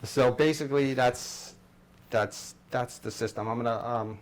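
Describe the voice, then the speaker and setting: Speaking a little slowly in a mid-range voice, a man trains workplace staff on an intercom system through a hands-on, informal walkthrough. He takes it step by step, repeating phrases frequently. Noise and ambient hiss run through the indoor room.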